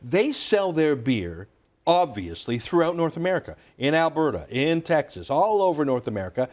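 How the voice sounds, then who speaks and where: A man's voice: on the high side, sing-song, normal speed, a little mellow. Emphatic man hosting, sarcastic. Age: 40s. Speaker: host. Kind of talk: political commentary chat.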